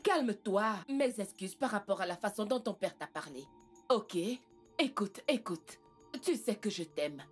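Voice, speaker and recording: A woman dubbing a gentle royal mother who calmly soothes her son in a dubbed film. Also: medium pitch. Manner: calm, soothing.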